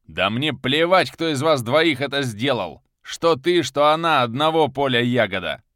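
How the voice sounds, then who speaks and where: A man voicing a cold, venomous crime boss, shouting. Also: mid-range voice, animated, measured pace, no room sound, studio quality, voice pushed up. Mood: furious. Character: cold vicious male crime boss, furious.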